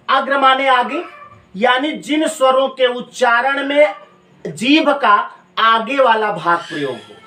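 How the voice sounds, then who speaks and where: A man teaching Hindi grammar in a classroom lecture. He asks the class questions, answers them himself, and repeats key phrases slowly so students can take notes. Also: very high-pitched, fairly bright tone. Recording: echoey room, voice from a distant mic.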